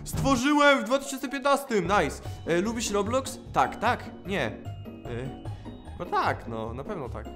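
A man giving excitable gameplay commentary, exclaiming and laughing as he reacts to the game. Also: high-pitched, a little slow, soft background music. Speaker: gaming YouTuber.

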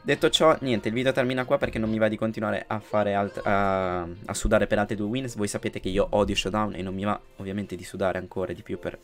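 Tired young man commentating games, lowish voice. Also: flat delivery, fairly quick, few pauses, faint music behind. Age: young adult. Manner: tired, worn-out delivery. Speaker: gaming YouTuber. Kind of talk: casual gameplay commentary. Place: indoors at a gaming desk, webcam.

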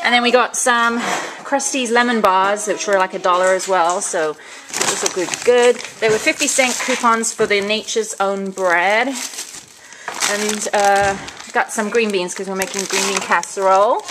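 At home, a woman chats through her shopping haul in a casual vlog, listing items, coupons and prices. Her voice is medium-pitched at normal speed. The home video is noisy, with crinkling bags and clicks in the background.

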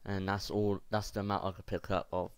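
A young man hosting a casual challenge vlog, talking in a halting, informal way. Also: low-pitched, little pitch movement, smooth, dry recording. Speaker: video host. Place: small room indoors.

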